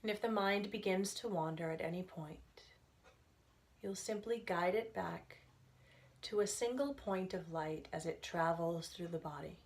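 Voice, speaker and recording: A woman whose voice sits on the low side guides a relaxation as a meditation instructor. Calm and gentle, she delivers her phrases without hurry and leaves pauses in between.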